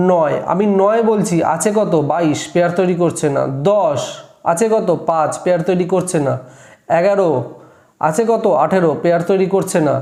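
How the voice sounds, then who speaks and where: Standing at a board, a teacher works through a classroom lesson, counting step by step out loud and double-checking his results. His voice is high with a darkish tone, and the recording carries room echo.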